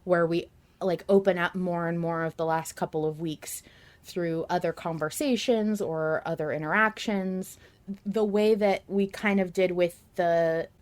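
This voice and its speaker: A podcast host with a lowish voice speaks a little slowly, her intonation fairly even. Chatting casually as a fan of an audio drama, she shares earnest, emphatic thoughts that run on.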